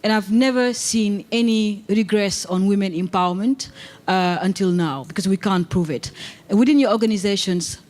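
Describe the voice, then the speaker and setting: A woman's voice: mid-range voice, darkish tone. Woman, 40s, from Senegal, earnest audience questioner. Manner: earnest, halting starts.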